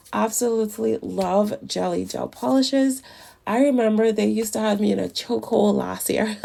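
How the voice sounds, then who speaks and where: Recovering from the flu, a woman with a creaky, dark-toned, mid-range voice that sounds a bit off chats through a casual nail tutorial. She's enthusiastic about the products along the way.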